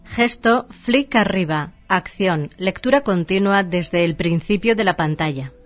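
Mid-pitched woman reading formal instructions. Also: measured pace, faint music behind. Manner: formal, reading out in short labelled items. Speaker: narrator of an instruction manual. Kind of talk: scripted instructional narration.

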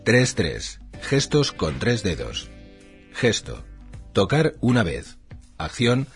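A low-voiced man narrates an instruction manual. His intonation swings noticeably while he reads short labelled items formally. Faint music plays behind him. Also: very animated, takes it slowly.

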